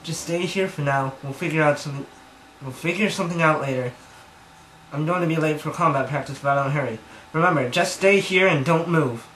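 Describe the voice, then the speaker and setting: A man voicing a hurried young woman ranger, speaking up in a raised, higher voice than his own, in an echoey room with background noise. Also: a bit bright, lightly acted. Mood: urgent.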